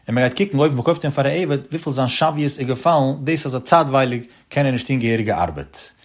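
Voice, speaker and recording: Man, Talmud study lecture, singsong questioning delivery, very fast, slightly husky. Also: medium pitch, lively intonation. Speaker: religious text teacher.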